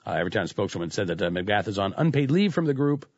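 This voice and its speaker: A man's voice: lowish voice, very animated, quick pace, no echo. Male talk radio host, sarcastic and conversational, with dry, slightly muffled studio audio. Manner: sarcastic, conversational, with frequent restarts. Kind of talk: political talk radio commentary.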